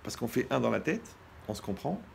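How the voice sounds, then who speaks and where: A man preaching as a rabbi, lively and joking, talking straight to the listener and acting out little scenes. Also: medium pitch, a little fast, creaky, a little hiss or hum. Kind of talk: humorous sermon on marriage.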